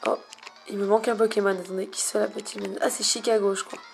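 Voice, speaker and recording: A young woman speaking low and hushed, at times near a whisper, narrating a game in florid, hesitant phrases. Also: little pitch movement, quick pace, vocal fry, faint music behind. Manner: lyrical, florid wording with many hesitations. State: slight cough lately. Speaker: video game player narrating own recording. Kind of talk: hushed late-night game commentary.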